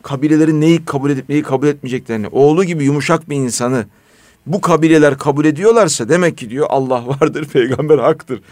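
A man in a casual discussion, telling stories in an earnest, animated way. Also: a little high, fast talker, dry recording.

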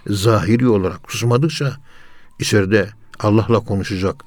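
A man's voice: on the low side, fairly quick, a little mellow, dry recording. A man teaching in a spiritual talk, urging listeners with repeated rhetorical questions. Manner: earnest, repetitive exhortation with rhetorical questions. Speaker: religious teacher.

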